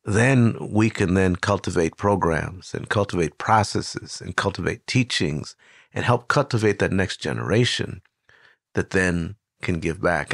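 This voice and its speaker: An older man hosting an interview, telling stories in a lively, conversational way with frequent restarts. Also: deep voice, no echo, studio quality. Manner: warm storyteller, animated with many restarts. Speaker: host.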